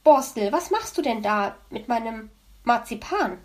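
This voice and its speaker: A woman's voice: fairly high pitch, animated, measured pace. A woman voicing a busy, chatty mother hedgehog in a storybook, motherly and fond.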